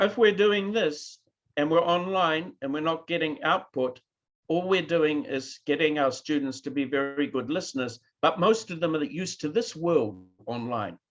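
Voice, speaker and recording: A man with a New Zealand accent and a fairly high voice delivers a keynote lecture to an online conference, occasionally asking the live audience to react. The audio sounds dull.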